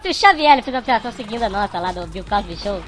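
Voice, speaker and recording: A man voicing a chatty cartoon chipmunk with a sped-up, high-pitched voice and a wry manner. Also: animated, very fast, a bit bright.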